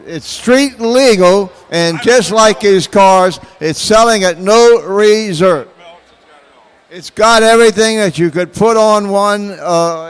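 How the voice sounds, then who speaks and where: A man's voice: sits high, a bit bright, smooth. A man announcing auction lots with off-the-cuff sales commentary, heard over a reverberant hall sound system. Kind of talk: unscripted sales commentary on cars.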